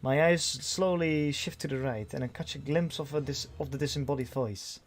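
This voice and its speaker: A man's voice: medium pitch, normal speed, a little hiss or hum. A man reading a visual novel aloud in first person, with dry delivery and frequent restarts. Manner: dry narration with restarts and sighs.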